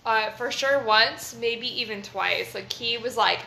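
Animated woman chatting, curses a lot, bright voice, roomy echo. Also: a little high, measured pace, vocal fry, slight background noise. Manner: animated, swears freely, laughs a lot. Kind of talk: casual chat.

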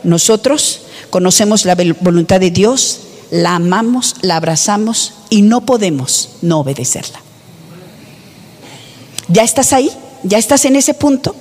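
A woman's voice: a little high, darkish tone, in a large hall. A woman preaching a sermon, emphatic, with rhetorical questions to the congregation.

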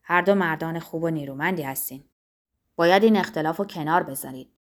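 A stern, persuasive man who steps between two rivals and coaxes them to shake hands, his voice low and firm, as a woman reading a storybook voices him. He scolds, reasons and soothes by turns. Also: lightly acted. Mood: stern coaxing.

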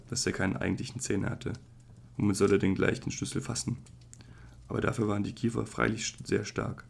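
A man narrating a literary audiobook in a measured, even way, with occasional slips. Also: low-pitched, vocal fry, a little hiss or hum.

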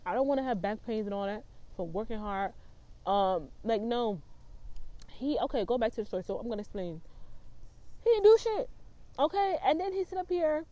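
A woman's voice: on the high side, animated, normal speed, long pauses, mellow, dry recording, lo-fi sound. A woman in her twenties telling a personal story in a vlog, talking in a blunt, profane and emphatic way. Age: 20s. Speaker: vlogger.

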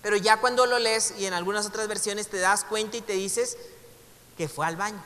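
A Mexican man with a high, bright voice teaches a relaxed Bible class. He chats with his students, jokes along the way and reads passages aloud. The sound carries a long reverb from a large room. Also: brisk. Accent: Mexican Spanish. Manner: conversational, joking asides, reads passages aloud. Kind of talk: casual classroom lecture.

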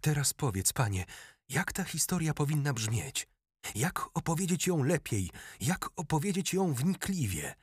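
Man reading an eager, excitable courtier. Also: low voice, measured pace, husky, no room sound, studio quality. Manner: enthusiastic, animated questioning.

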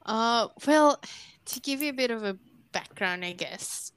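A woman's voice: fairly high pitch, animated, unhurried, a bit bright, clear, resonant tone, no room sound. A woman in her early thirties, from Indonesia, co-hosting a casual podcast and telling stories in an easygoing, chatty way. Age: early 30s. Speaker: podcast co-host.

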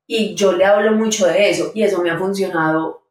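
A woman hosts a podcast and speaks in a candid, chatty way. Her pitch is mid-range. Her voice carries in a roomy space, picked up from a distance. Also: fairly quick. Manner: candid and chatty, shares personal stories. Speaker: podcast host. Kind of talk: casual interview chat. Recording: roomy sound, mic at a distance.

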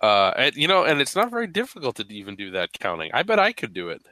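A man's voice: medium pitch, huge pitch swings, quick pace, pushed and bright, no room sound. A man with a stuffy voice hosting a podcast in a playful, casual, chatty way. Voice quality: stuffy, congested-sounding. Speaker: podcast host. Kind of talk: casual chat.

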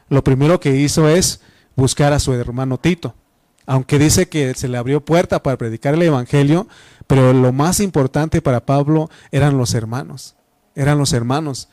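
A man's voice: on the high side, darkish tone, dry recording. A Mexican man preaching a Bible study sermon in a teaching manner, repeating phrases and using frequent fillers. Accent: Mexican Spanish.

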